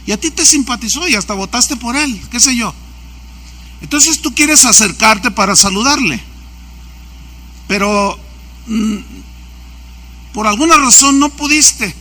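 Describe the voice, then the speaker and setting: A man's voice: extremely high pitch, a little slow, pauses often, bright, forceful tone. A man preaching a sermon as pastor. He asks the congregation questions and acts out anecdotes. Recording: church service recording.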